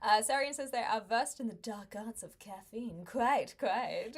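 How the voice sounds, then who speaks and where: A woman's voice: on the high side, expressive, measured pace. Chatty New woman streamer. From New Zealand. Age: 20s. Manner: chatty, laughs often, wry asides. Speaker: livestreamer. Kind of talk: casual chat with viewers.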